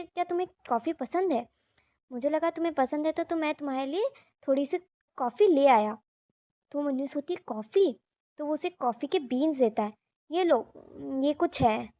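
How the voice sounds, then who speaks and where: Woman telling a manga story, high voice, dead dry sound, chatty and switches into english a lot. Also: warm tone, dry recording. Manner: chatty, mixes English words, briefly voices the characters' lines. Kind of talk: casual retelling of a manga story.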